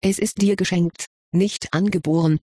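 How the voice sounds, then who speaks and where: A reader voicing an old, wise male headmaster wizard who explains things calmly, in an audiobook reading. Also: mid-range voice, moderate pace, no echo, clean studio sound, natural voice.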